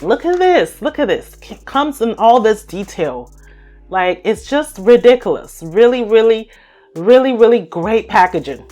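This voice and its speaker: A young woman vlogger giving a gushing, emphatic product review to her viewers. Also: medium pitch. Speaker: beauty vlogger.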